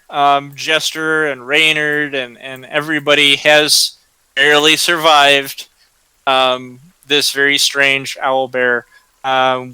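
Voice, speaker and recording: A man narrating a tabletop game as game master, unhurried and full of ums and uhs. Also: medium pitch, pushed and bright, clean tone, dry recording, rough recording.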